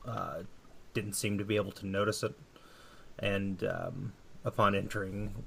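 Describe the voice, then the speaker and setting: A man playing a polite, curious male rogue traveler in a tabletop game, talking hesitantly with many pauses. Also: lowish voice, gravelly, fairly bright tone, slight background noise. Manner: hesitant, lots of ums.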